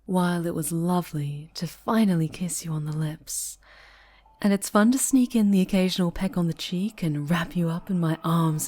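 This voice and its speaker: Fairly low-pitched and slightly rough, a woman's voice brings a sinister dark-angel superhero to life in an intimate ASMR roleplay, doting obsessively while she whispers and coos with sweet menace.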